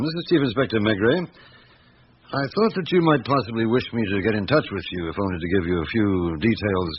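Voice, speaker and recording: An actor playing a patient, world-weary middle-aged chief inspector in a radio drama, speaking in a measured, understated way. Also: male voice, lowish voice, close to an everyday voice. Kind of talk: radio drama acting with interior monologue narration. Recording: dull, noisy old radio broadcast recording.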